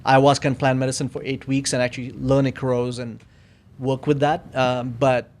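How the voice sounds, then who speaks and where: A man's voice: medium pitch, level tone, a little fast, a little mellow. A man talking as a podcast guest in casual conversation, reflective and searching for his words with frequent fillers.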